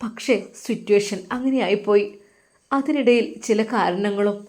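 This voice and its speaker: A woman narrating a family drama in an emotive, expressive storytelling manner. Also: medium pitch, moderate pace.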